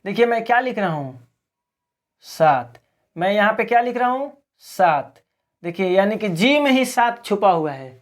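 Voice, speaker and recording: A man from Bihar, teaching a video lesson in a question-and-answer drill, asking each question and answering it himself. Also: very high-pitched. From Bihar, India. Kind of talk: classroom-style video lesson.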